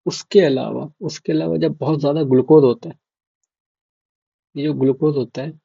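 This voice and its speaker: Young guy w tutoring med students, flat mellow voice, keeps asking ok?. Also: a little high, moderate pace, gravelly, husky, dry recording. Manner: casual, asks "ok?" and repeats key terms to check understanding. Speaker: medical tutor. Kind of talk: informal lecture explaining to students. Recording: dull, dry lo-fi mic.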